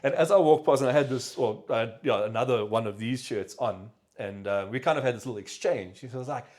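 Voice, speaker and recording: Animated South African man hosting a podcast. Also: medium pitch, brisk. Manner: animated storyteller, acts out quoted voices. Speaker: podcast host. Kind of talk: casual chat.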